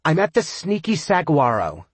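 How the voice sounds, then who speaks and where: A loud, slurring young woman who pleads and demands in a whiny, high voice, as a male narrator puts her on. She sounds drunk and pushy in this audiobook scene. The delivery is dry and close. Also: wildly swooping pitch, moderate pace, slightly rough, no echo, heavily acted. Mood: whiny demanding.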